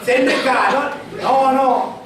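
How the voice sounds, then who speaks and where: A lead actor in an amateur stage comedy, with a Sicilian accent and loud, exasperated comic banter. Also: high-pitched, slow pace, crowd noise. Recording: echoey hall, taped from far off. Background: laughing audience in a large hall.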